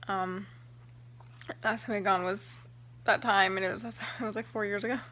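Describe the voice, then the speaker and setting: Young woman vlogging, chatty and excited, lots of likes and ums, talking right to the camera. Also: mid-range voice, normal speed. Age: young adult. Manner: chatty, excited, heavy use of "like" and "um". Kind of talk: casual storytelling to camera.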